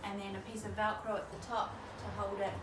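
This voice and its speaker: A store presenter shows off a stroller in a baby store, a young New Zealander speaking a little fast in a mid-range, level voice. She's casual and says "um" a lot. The recording, from a camera mic at a distance, is roomy with heavy background noise.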